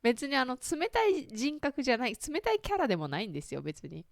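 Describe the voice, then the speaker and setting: A woman's voice: high voice, wildly swooping pitch, a little fast, gravelly, no echo, studio quality. A woman in her thirties hosting a casual solo chat, talking to listeners with lots of fillers, asides and self-deprecating questions. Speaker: podcast host.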